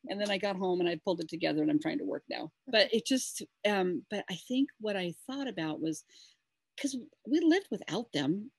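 A woman's voice: medium pitch, lively intonation, brisk, vocal fry, slightly rough, no echo. A middle-aged woman co-hosting a casual chat, telling a rambling, emotional story with many restarts. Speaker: co-host.

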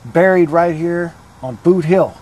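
A man's voice: fairly high pitch, measured pace, darkish tone. A middle-aged man talking to a ghost, calling out questions to spirits as a paranormal investigator. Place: outdoors at night by a graveyard fence. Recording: noisy outdoor camcorder audio, traffic ambience.

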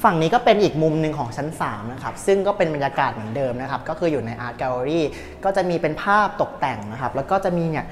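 A man's voice: mid-range voice, lively intonation, fast talker, hardly any pauses, a little hiss or hum. A young man hosting a casual cafe tour vlog, talking in an upbeat, polite tour-guide way on a clip-on mic indoors. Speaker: host. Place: indoor cafe in an old shophouse. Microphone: clip-on lapel mic.

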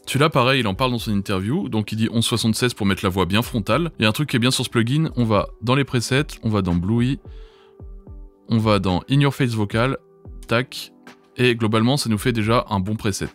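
A man teaching vocal mixing in a software tutorial, explaining each setting and checking in with the viewer. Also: mid-range voice, fairly quick, soft background music. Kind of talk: screen-recorded software tutorial.

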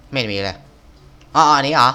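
A gaming video host plays through a game with casual, slangy, exclamatory commentary, often talking to himself. He has a medium pitch, a quick pace and a sharp tone.

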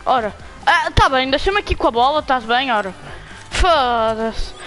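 Brief: young woman, European Portuguese accent, high voice, profane trash-talking gameplay commentary, faint music behind. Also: normal speed, rough recording. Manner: taunting, swears a lot, excitable outbursts. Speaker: gamer streaming own play.

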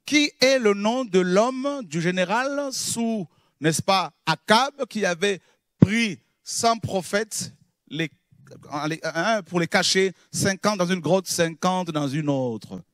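A man preaching in French, a pastor teaching who repeats key words and swings from loud exclamations to low murmurs. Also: slow pace, no room sound, studio quality. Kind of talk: sermon teaching.

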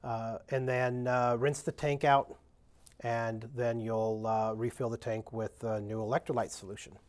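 A man walks through a maintenance job at a workbench, explaining each step aloud in a plain, halting way. His voice sits at an ordinary middle pitch, and he fills pauses with "uh" and restarts as he works. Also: flat delivery, darkish tone, a little hiss or hum. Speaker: equipment demonstrator. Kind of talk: unscripted how-to demonstration. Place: indoor workshop with benches.

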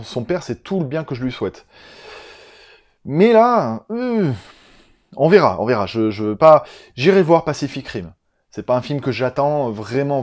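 A man's voice: mid-range voice, a little mellow. A man with a southern French accent talking casually and sarcastically about upcoming films, often getting sidetracked. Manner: chatty, sarcastic, easily sidetracked. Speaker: film YouTuber. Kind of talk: casual video chat.

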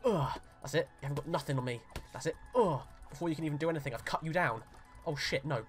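A young man giving jokey, excitable let's play commentary, pleading with and yelling at the game. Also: on the high side, fast talker, soft background music. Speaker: gamer.

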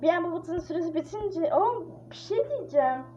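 A woman's voice: very high voice, lively intonation, quick pace, warm tone. A woman playing a horror game with casual, panicky commentary, exclaiming and chattering as she plays. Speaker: gamer. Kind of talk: casual let's-play commentary. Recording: dull lo-fi mic with clear hiss.

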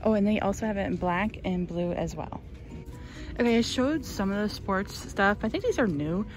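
A woman's voice: mid-range voice, animated, normal speed, over music. A woman narrating a casual shop-with-me vlog on her phone, chatty and gushing, with lots of likes and ums. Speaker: shopping vlogger. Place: large retail store, indoors.

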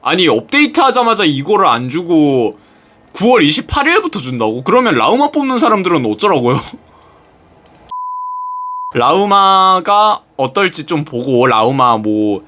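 A young man, a YouTuber, chatting casually while playing a game, rambling to himself with sudden excited outbursts. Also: a little high, normal speed, slight background noise. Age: young adult. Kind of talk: casual game-stream chat.

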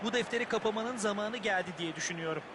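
Football game pundit, played by a man: male, analytical, opinionated, high-pitched and brisk, very noisy background. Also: natural voice. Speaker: football co-commentator. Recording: loud background noise.

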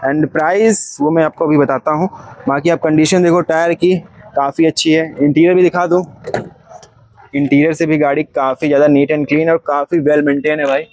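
A young man with a bright, high-pitched voice walks an open-air used car lot. He talks in a chatty, casual way and keeps calling the viewer brother. He sounds like he is filming on a handheld phone. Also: fairly even intonation, normal speed, no room sound. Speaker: vlogger touring a used car market. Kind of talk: casual walkaround commentary.

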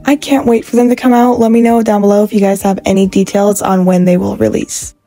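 A woman in her twenties talking casually and excitedly to a phone camera while shopping in stores. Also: medium pitch, brisk, soft background music. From California. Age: 20s. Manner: gushing, excitable, chatty. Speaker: vlogger. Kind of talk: casual shopping vlog narration. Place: in stores with background music, holding a phone.

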